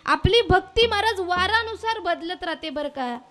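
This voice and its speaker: A woman preacher in a high, bright register tells a devotional story. She acts out its characters' voices with lively changes and keeps turning to her listeners. Soft instrumental music sits faintly in the background. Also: normal speed. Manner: lively storyteller acting out quoted voices, addressing listeners as maharaj. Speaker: kirtan preacher.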